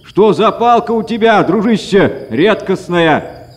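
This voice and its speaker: Storybook simpleton, played by a man, high, drawn-out gushing wishes, echoey room. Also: expressive. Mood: eager. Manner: wistful, gushing exclamations. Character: foolish, eager, easily dazzled simple man.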